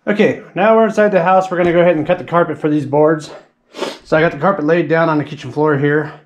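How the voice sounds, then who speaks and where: Wearing an action camera that records his voice muffled, a channel host casually explains each step of a build as he works with tools, first in an outdoor driveway and then on a house kitchen floor. His voice is fairly high and steady in tone, and he talks fast in plain how-to narration.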